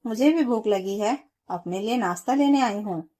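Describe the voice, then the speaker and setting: A woman's voice: medium pitch, animated, moderate pace, mellow, lightly acted. A woman storyteller voicing a young, worn-out new mother who pleads with her in-laws. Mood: pleading. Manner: pleading, weary.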